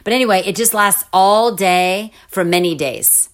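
A middle-aged woman telling a personal story in a casual interview, animated, with restarts and laughing asides. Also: medium pitch, moderate pace. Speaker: interview guest.

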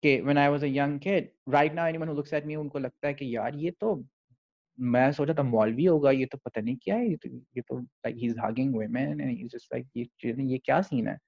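Male, Pakistani accent, medium pitch. Thoughtful, code-switching podcast storyteller with halting phrasing, recorded a little lo-fi. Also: gravelly. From Lahore, Pakistan. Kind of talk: reflective conversational storytelling.

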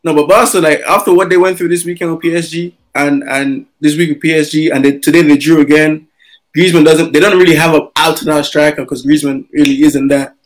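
A man's voice: on the high side, steady tone, brisk. A man in a casual football debate, making his points earnestly and insistently.

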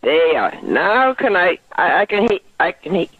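A prank-call old lady performed by a man, confused and hard of hearing. The voice is high and creaky, swinging widely in pitch. The questions come haltingly and repeat, over a thin phone line. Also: sing-song, no room sound, heavily acted. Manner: repetitive, halting, muddled questioning. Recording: tinny, narrow phone line.

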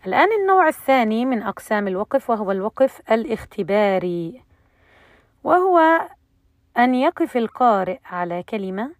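A woman teaching the rules of Quran recitation in an explanatory lesson, pausing often with fillers. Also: fairly high pitch, no room sound, clean studio sound.

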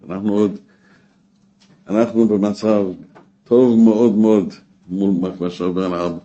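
A man teaching a weekly Torah class, emphatic, rising to exclamations and dropping low again. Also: warm tone. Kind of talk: spoken Torah lesson.

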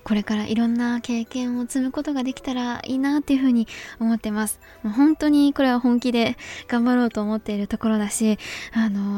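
Soft-spoken young Japanese-speaking woman. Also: fairly high pitch. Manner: earnest, soft-spoken, many fillers. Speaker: podcast host. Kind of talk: casual solo talk.

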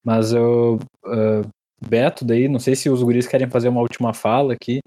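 A man co-hosts a podcast discussion in a casual, southern Brazilian accent. His voice is relaxed and dark, with hardly any room sound. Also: mid-range voice, normal speed, dry recording. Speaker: podcast co-host.

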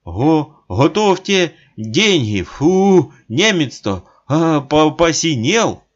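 A man voicing a thin, ragged ex-soldier who speaks hoarsely and wheezes, in a dull lo-fi recording. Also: mid-range voice, big pitch swings, unhurried, pitched above the performer's own voice. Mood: shivering.

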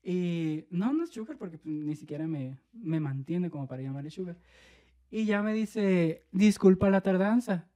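A man with a Mexican accent telling an animated story on a podcast, laughing and acting out what people said. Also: fairly high pitch, normal speed. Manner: animated, laughing, acts out quoted voices. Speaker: podcast co-host. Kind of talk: casual storytelling chat.

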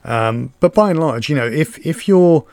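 A man's voice: a little high, lively intonation, darkish tone, dry recording. A man in casual chat who talks hesitantly and restarts often while he searches for words. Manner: hesitant, halting, many fillers and restarts.

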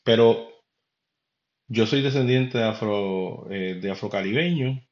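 A man with a fairly low, darkish voice talks a little slowly as he hosts a podcast, rambling conversationally about his opinions directly to listeners. He comes from Puerto Rico and speaks with a Puerto Rican Spanish accent, on a roomy, dull lo-fi recording.

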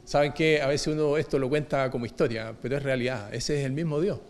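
A man preaching a sermon, moving between emphatic declarations and hushed, low repetitions of key phrases. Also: fairly even intonation, fast talker.

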